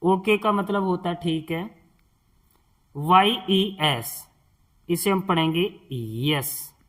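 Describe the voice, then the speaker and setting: Brief: male tutor, high voice, unhurried, patient question-and-answer teaching. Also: a bit bright. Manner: slow and patient, spells out words letter by letter and asks the viewer questions. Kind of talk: spoken English lesson for beginners.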